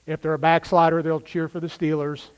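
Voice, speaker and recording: A male pastor preaching a sermon, swinging from loud bursts to quiet asides. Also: on the high side, level tone, brisk, clear, resonant tone.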